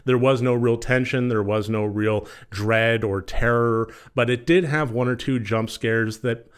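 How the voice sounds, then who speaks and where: A man with a clear, smooth voice at a middling pitch talks through a film critique. His delivery is casual and conversational, running on in measured, rambling sentences like an informal reviewer. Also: fairly even intonation.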